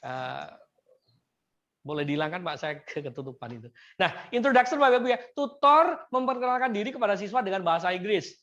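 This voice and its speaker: A woman presenting a seminar to teachers, often addressing the audience and modeling simple English phrases slowly. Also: medium pitch, lively intonation, a bit bright, highs cut off.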